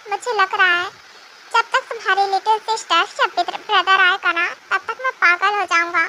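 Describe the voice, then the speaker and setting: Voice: very high voice, sharp tone, heavily acted. A fan dubber voicing a patient young husband and father who sounds soothing, indulgent and mildly exasperated. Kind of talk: amateur fan dub. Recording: noisy home recording.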